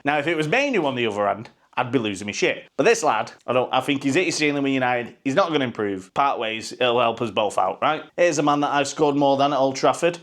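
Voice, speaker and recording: A man hosting a football fan channel, ranting bluntly and crudely with a mocking edge and laughing at his own jokes. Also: a little high. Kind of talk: profane, ranting casual commentary.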